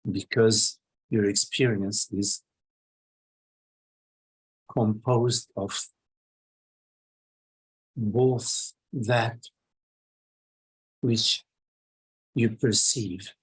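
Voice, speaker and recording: A meditation teacher guides a session in short phrases separated by long pauses. His voice is fairly low, steady and husky, and the audio quality is poor.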